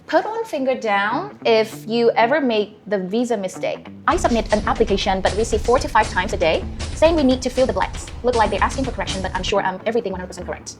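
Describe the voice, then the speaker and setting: A woman's voice: on the high side, expressive, fast talker. A woman hosting a travel show, speaking eagerly with phrasing. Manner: eager, non-native phrasing, upbeat presenter. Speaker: host. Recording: music bed behind. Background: background music.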